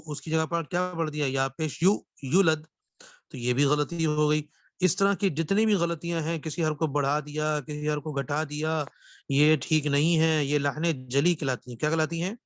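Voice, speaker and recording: A man teaching Quran recitation in a classroom lesson. He asks questions, answers them himself, repeats key phrases and slows down to recite verses. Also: a little high, a bit bright, no echo.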